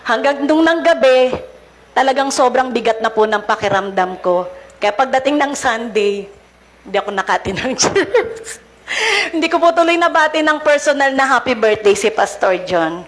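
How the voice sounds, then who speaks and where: A woman's voice: high voice, expressive, normal speed. A Filipino woman preaching with a cold, chatting and laughing through a casual story before her sermon. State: congested with a cold. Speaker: lay preacher.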